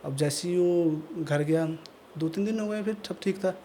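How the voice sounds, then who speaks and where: A man with a Pahari Hindi accent telling a spooky tale on a podcast mic, casual and animated. His voice sits high but sounds warm and mellow, with a faint hiss of background noise. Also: moderate pace. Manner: animated, conversational, acts out voices. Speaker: storyteller guest. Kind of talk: casual horror storytelling.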